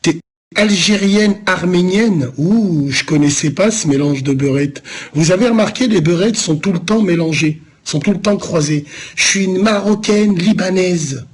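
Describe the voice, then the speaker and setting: Husky high-voiced French streamer from Lyon. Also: male voice, normal speed. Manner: loose, rambling street slang, teasing chat. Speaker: live streamer answering viewers. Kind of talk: casual live-stream chat.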